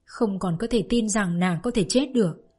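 A woman's voice: mid-range voice, moderate pace, breathy edge, faint music behind. Woman reading a novel with feeling. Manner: emotional, expressive storytelling. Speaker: audiobook narrator.

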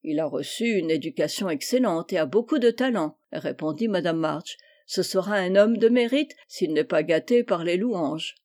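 A woman reading aloud, voicing a stern and wise middle-aged mother who admonishes in a measured, firm way. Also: lowish voice, lively intonation, darkish tone, close to an everyday voice.

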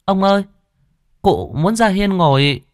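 A man voicing Lan, an anxious, doting young granddaughter who coaxes and pleads in a raised falsetto. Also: expressive, measured pace, no room sound, studio quality. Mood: coaxing.

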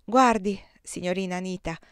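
A woman's voice: fairly low pitch, normal speed, smooth, no room sound, studio quality, natural voice. A woman reading as a pushy immigrant furrier. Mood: insistent. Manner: pressing, pointed questions. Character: insistent argumentative male immigrant furrier.

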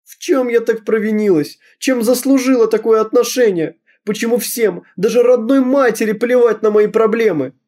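A man voicing a tearful teenage schoolgirl who pleads desperately in a high, strained voice. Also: lively intonation, moderate pace, dark tone. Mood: sobbing prayer.

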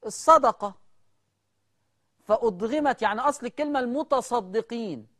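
Egyptian TV teacher quizzing viewers. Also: mid-range voice. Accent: Egyptian Arabic. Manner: lively, fires rhetorical questions at viewers and answers them. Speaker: Quran recitation teacher on TV. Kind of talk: televised religious lesson.

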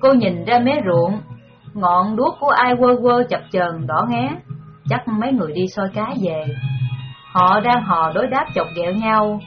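A woman's voice: mid-range voice, unhurried. A woman narrating an audiobook story in a hesitant way, with many fillers. Muffled recording with music behind.

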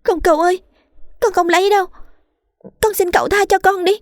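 A woman voicing a frightened young niece who pleads and stammers in a high voice. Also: fairly even intonation, fairly quick, no room sound, clean studio sound. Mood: pleading.

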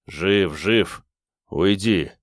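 A man's voice: low voice, extremely slow, no echo, studio quality. Man reading a curt, battered young hero. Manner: terse, dryly calm.

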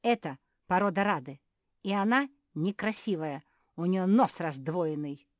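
Woman doing a shrill furious dog servant. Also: measured pace, dry recording, studio quality, natural voice. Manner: shouting, indignant, scornful.

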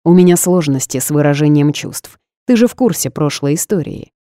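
A woman voicing a smug, seductive male boss who speaks calmly and commands. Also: low voice, fairly quick, dry recording, studio quality.

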